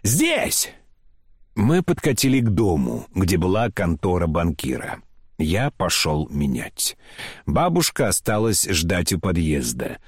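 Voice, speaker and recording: A man's voice: sits low, big pitch swings, a little slow, slightly rough, no echo, clean studio sound. A man narrating a classic novel as an audiobook, telling the story with dramatic expression.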